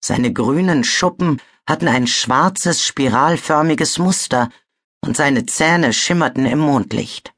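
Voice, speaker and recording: A woman narrating a fantasy audiobook in a measured storytelling manner. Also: deep voice, fairly bright tone. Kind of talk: scripted narration.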